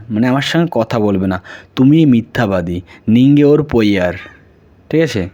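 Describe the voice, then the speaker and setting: A man giving a casual spoken language lesson, repeating each phrase slowly and then explaining what it means. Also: on the high side, a little mellow. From India. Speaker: language teacher.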